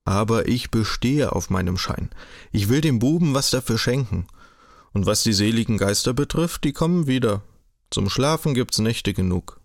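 A man voicing a brisk, mocking older society lady in an audiobook, bossy and insistent, with a French exclamation now and then. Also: medium pitch, expressive, no room sound, clean studio sound, close to an everyday voice. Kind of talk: audiobook character voice.

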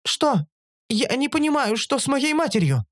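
A man voicing a blunt, literal-minded female monster who talks in thoughts, calm and flatly reasoning. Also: very high-pitched, moderate pace, no room sound, clean studio sound, voice pushed up, heavily acted. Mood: coolly reasoning. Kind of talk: audiobook character voice.

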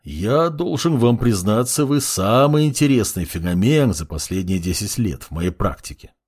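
A man reading the part of a centuries-old undead mage who speaks in a calm, coolly fascinated and softly menacing way. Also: fairly low pitch, normal speed, husky. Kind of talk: audiobook character reading.

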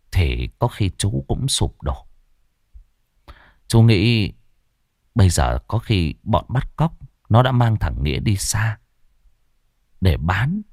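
A man narrating a ghost story in an expressive storytelling manner. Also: fairly low pitch, no echo, studio quality.

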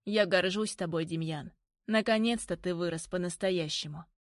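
A woman voicing a powerful older male uncle in an audiobook, speaking in a measured, deliberate way. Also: on the low side, no echo, clean studio sound, natural voice. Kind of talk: audiobook reading.

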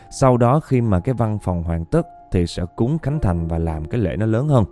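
A man's voice: fairly low pitch, warm tone. A man narrating ghost stories in a chatty way, often speaking straight to his listeners. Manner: chatty, keeps addressing listeners. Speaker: storyteller.

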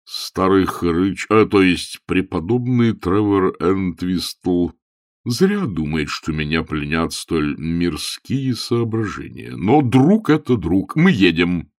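Man voicing old bishop, pompous, rueful, deep voice, very lively intonation. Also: takes it slowly, no room sound, clean studio sound, full character voice. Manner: rueful, pompous, quotes scripture. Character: fussy, troubled elderly male bishop. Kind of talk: audiobook character voice.

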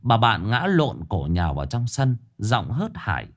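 A man narrating a scripted ghost story in a dramatic, expressive storytelling manner. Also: fairly low pitch, moderate pace.

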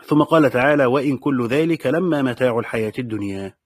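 A man with an Egyptian accent teaching a classical text, repeating key phrases, reading quotations slowly and checking with the class through short questions. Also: medium pitch, slightly rough, no room sound, studio quality. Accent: Egyptian Arabic. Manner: reads quoted passages slowly.

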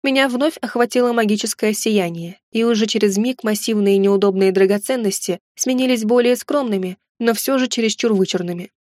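A woman narrates a first-person fantasy novel in a steady, measured reading voice. Her pitch sits in the middle of the range. The sound is close and dry, with no room around it. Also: dry recording. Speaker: audiobook narrator.

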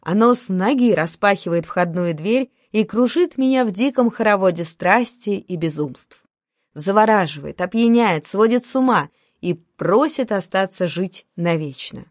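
A woman's voice: medium pitch, expressive, normal speed, no room sound, clean studio sound. A woman narrating a first-person story in an ironic storytelling manner. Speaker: audiobook narrator.

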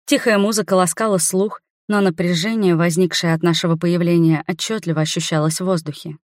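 A woman with a fairly low voice reads an audiobook in a measured, expressive first-person narration. The recording is close and dry, with no room sound. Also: no room sound.

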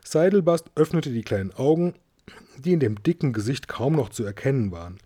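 A man reading a storybook aloud in a steady, even-toned storytelling manner. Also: mid-range voice, fairly quick, husky. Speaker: audiobook reader.

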